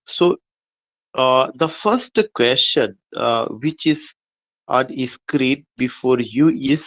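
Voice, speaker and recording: Slow, repetitive teacher. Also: male voice, mid-range voice, fairly bright tone, dull audio. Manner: repeats each point and quizzes himself aloud; reads English slowly word by word, explains in quick Hindi. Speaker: English literature teacher. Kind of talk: exam-prep lecture mixing Hindi and English.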